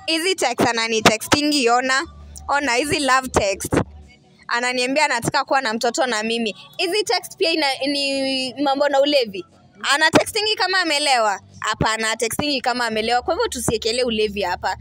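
Speaking into a handheld mic at an outdoor street interview, a Kenyan-accented woman in her twenties sounds defiant and insistent, repeating herself in an emotional exchange. Her voice sits high and a bit bright, with lively intonation and a fast pace over soft background music.

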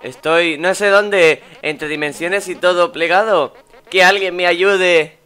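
Pleading trapped young man , put on by a Spanish man, higher and drawn out. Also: fairly even intonation, slow pace, bright, forceful tone, clean tone, soft background music, exaggerated voice. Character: trapped frightened young man calling for help.

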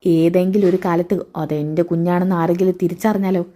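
A woman's voice: fairly low pitch, steady tone, fairly quick, warm tone, natural voice. Woman reading a cold scheming male villain. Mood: menacing. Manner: cold, commanding. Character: scheming male villain giving murderous orders.

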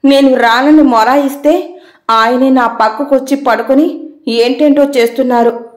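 A woman's voice: high-pitched, fairly even intonation, measured pace, echoey room. A woman voicing a timid, devoted young servant girl who speaks deferentially. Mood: pleading. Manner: pleading, deferential.

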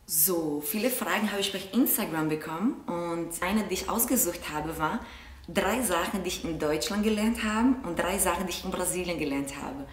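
A woman's voice: fairly low pitch, normal speed. A young woman from Brazil with a Brazilian Portuguese accent, chatting thoughtfully to camera from her sofa. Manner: thoughtful, gestures a lot with her hands. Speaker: vlog host answering viewer questions. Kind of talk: casual chat to camera. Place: living room, seated on a sofa. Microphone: camera a short way off. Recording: roomy sound, mic at a distance.

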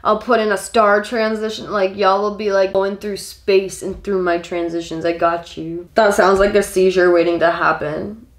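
A woman's voice: mid-range voice, level tone, normal speed, hardly any pauses. A giggly, drunk woman in her twenties rambling casually to camera while doing her makeup. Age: 20s. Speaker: makeup vlogger. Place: small home kitchen, indoors. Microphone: camera a step or two away. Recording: echoey room, camera mic.

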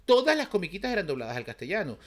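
A man's voice: high voice, huge pitch swings, very fast. A man from Venezuela with a Venezuelan accent, giving casual, emphatic reaction commentary as a vlogger, full of rhetorical questions.

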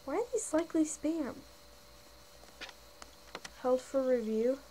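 A woman's voice: high-pitched, animated, slow, warm tone, slight background noise, poor audio. A young woman hosting a casual vlog, reading viewer comments aloud and answering them in a chatty, giggly way. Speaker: channel host.

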